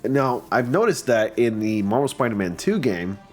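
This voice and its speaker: A man with a mid-range, sing-song voice talks at normal speed, sounding stuffy as if just over a cold. He gushes casually about fan photo submissions, full of fillers, with soft music behind him.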